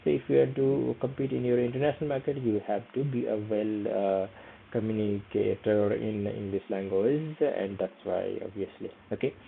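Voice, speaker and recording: A young vlogger who natively speaks Nepali, and has the accent, narrates a screen-share tutorial in faltering English heavy on fillers and repeated "okay." His gravelly voice is on the low side, fairly even and moderately paced. Tinny phone-like audio carries a little hiss or hum.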